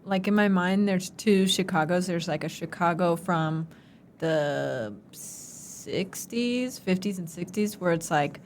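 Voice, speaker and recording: A woman's voice: fairly low pitch, slow, slight background noise. A young woman in her twenties co-hosting a casual chat, with a teasing, jokey manner. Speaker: co-host.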